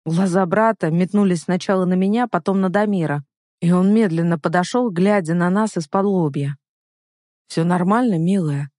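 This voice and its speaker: A man reading a first-person romance story aloud, with expressive storytelling. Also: high-pitched, moderate pace, dry recording, studio quality. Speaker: audiobook reader.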